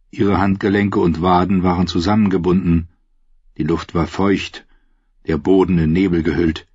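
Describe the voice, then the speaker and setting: A man narrates a novel in a measured, dramatic way, his low voice husky. The sound is dry and close, slightly dull and lo-fi. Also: a little mellow, dry recording. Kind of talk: scripted audiobook narration.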